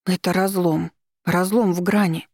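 A woman's voice: lowish voice, fairly even intonation, a little slow, darkish tone, dry recording, studio quality. A woman reading an audiobook, voicing an eager, earnest young boy prince.

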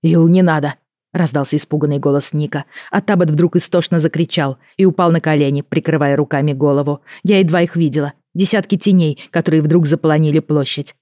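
A woman narrates a fantasy audiobook in the first person, reading with expression at a middle pitch. The recording is dry and close, with no room sound. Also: fairly even intonation, quick pace, hardly any pauses, mellow, dry recording.

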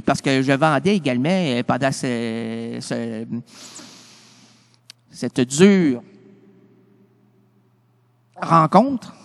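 An older man with a Québécois French accent hosting a radio show, a hoarse, feverish voice, delivering a rambling, theatrical comic monologue that jumps between tangents. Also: medium pitch.

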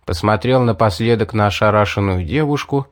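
A man reading a first-person fantasy audiobook in an even, measured narrating voice. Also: fairly low pitch, no room sound, studio quality.

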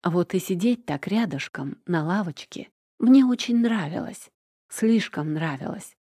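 A woman narrating a first-person audiobook in an even, measured storytelling manner. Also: lowish voice, slightly rough, dry recording, studio quality.

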